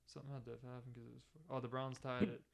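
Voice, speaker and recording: Excitable young man with a gravelly voice. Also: medium pitch, rapid-fire, crowd noise. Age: 20s. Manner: excitable, filler-heavy talk. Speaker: podcast co-host. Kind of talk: casual chat.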